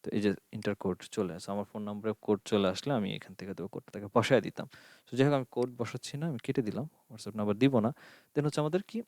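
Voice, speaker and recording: This screen-share tutorial for an online course comes from a man speaking fast in a fairly low, slightly mellow voice, with no room sound in the recording. He goes through the screen steps one at a time, mixing in English and questioning himself rhetorically along the way.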